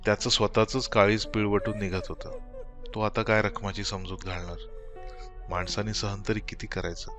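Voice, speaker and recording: Brief: male audiobook narrator, deep and measured, soft music bed. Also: wildly swooping pitch. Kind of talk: scripted horror narration.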